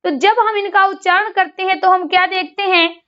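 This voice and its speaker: A woman's voice: extremely high pitch, fairly even intonation, moderate pace, lo-fi sound. A woman teaching grammar in an online exam-prep lesson. She asks a question, answers it, then repeats it, and she sounds out syllables aloud for drilling.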